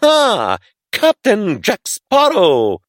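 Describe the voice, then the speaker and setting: A man's voice: high-pitched, wildly swooping pitch, takes it slowly, a bit bright, dry recording, studio quality, pitched above the performer's own voice, full character voice. A man voicing a flamboyant pirate captain who speaks with theatrical, giggling mockery. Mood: mocking. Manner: sly, theatrical, giggling, mocking.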